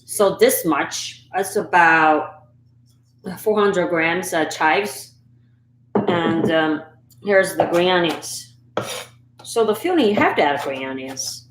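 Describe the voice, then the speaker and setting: A woman's voice: fairly low pitch, lively intonation, slow, pauses often, roomy sound, noisy background. A woman from Sichuan, hosting a live-stream cooking show and chatting with viewers while she chops. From Sichuan, China. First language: Chinese. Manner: chatty, talks to viewers while chopping, laughs often. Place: home kitchen. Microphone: camera and phone setup.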